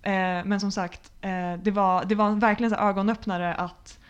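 A woman's voice: mid-range voice, fairly even intonation, clean tone, lo-fi sound. A woman speaking earnestly and reflectively in a casual podcast conversation, with many fillers.

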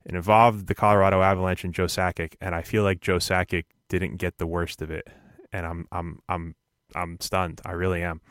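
Male podcast host, very low voice, dry close sound, rambling deadpan humor, casual chat. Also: normal speed, clear, resonant tone, no room sound. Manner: rambling, deadpan jokes, repeats words.

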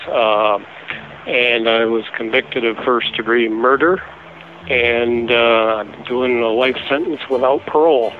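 An older man speaking on a prison phone, halting, with pauses and restarts. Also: mid-range voice. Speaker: incarcerated interviewee. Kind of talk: phone interview. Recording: tinny prison phone line, faint hiss.

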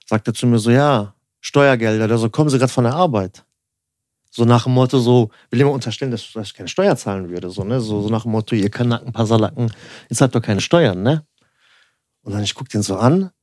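A man's voice: mid-range voice, fast, mellow, no room sound, clean studio sound. Rambling young man telling a story. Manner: rambling, lots of filler tags like "so" and "ne"; acts out dialogue in quotes. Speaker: podcast co-host. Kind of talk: casual storytelling chat.

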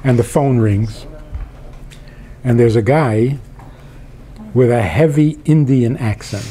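A man, a rabbi, tells an anecdote in conversation, slipping into the voices of the people in it. He speaks slowly and deliberately with a warm, mellow tone. Faint room ambience sits behind him. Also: medium pitch, slight background noise. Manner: animated anecdote with quoted dialogue and chuckles. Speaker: rabbi telling a story. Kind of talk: storytelling in conversation.

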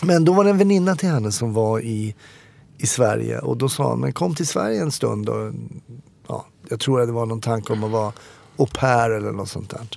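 Gravelly-voiced man. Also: mid-range voice, darkish tone. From Stockholm, Sweden. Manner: reflective storyteller, frequent hesitations. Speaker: guest, former police officer. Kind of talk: candid interview conversation.

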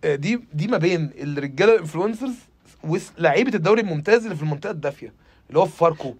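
A man's voice: fairly high pitch, animated, rapid-fire, breathy edge, dry recording. A young man with an Egyptian Arabic accent, hosting a comedy podcast and riffing mockingly, slipping into impressions. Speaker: podcast host.

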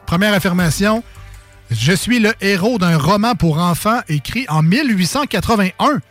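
High-voiced Quebec radio host, teasing. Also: male voice, expressive, normal speed, a bit bright, no echo, faint music behind. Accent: Quebec French. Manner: playful, teasing, laughs often. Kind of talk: casual radio game banter.

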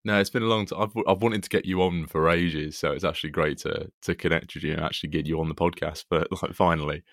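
A man's voice: low-pitched, steady tone, fast, fairly bright tone, no echo, clean studio sound. A man chatting casually as he hosts a podcast interview.

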